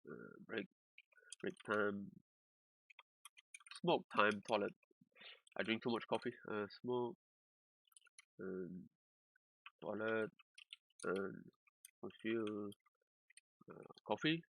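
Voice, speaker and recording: A male streamer explaining game data analysis in a casual live-stream walkthrough, halting, repeating words and using loose, non-standard English phrasing. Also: on the low side, vocal fry, fairly bright tone, slight background noise, low-quality recording.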